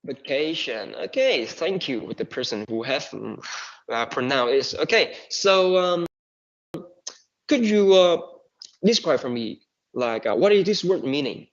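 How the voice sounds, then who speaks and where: A man's voice: on the high side, lively intonation, slow. A man teaching English pronunciation to a class, switching between Vietnamese and English with many fillers. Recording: dull lo-fi recording.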